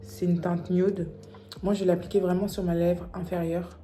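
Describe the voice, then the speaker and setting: A young woman chatting casually through a makeup tutorial, playful and self-mocking with quick asides. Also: fairly low pitch, level tone, dark tone. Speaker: beauty vlogger.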